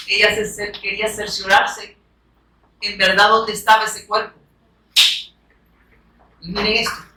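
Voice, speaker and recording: A woman's voice: mid-range voice, pushed and bright. A woman preaching a sermon to a congregation, speaking emphatically, urging her listeners to look closely and punctuating her points with amen. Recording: echoey room, voice picked up from a distance.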